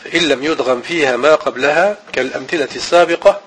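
A man teaching an Arabic grammar and Quran reading lesson, repeating each rule slowly and chanting the verses he quotes. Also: fairly high pitch, fairly bright tone, husky, poor audio.

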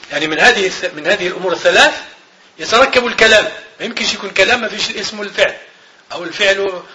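High bright guy lecturing on grammar, says every definition twice. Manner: repeats definitions slowly, checks understanding with questions. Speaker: grammar teacher. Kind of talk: classroom lecture.

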